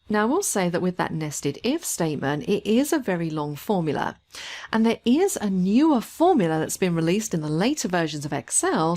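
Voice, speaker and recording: A woman trainer narrating a screen-recorded software tutorial, explaining each step in a steady way. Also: lowish voice.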